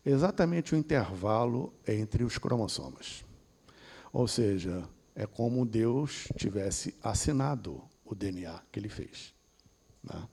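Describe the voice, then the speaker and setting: Husky Brazilian man lecturing. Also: mid-range voice, dark tone. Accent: Brazilian Portuguese. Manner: discursive, ending points with tag questions. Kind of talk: esoteric lecture.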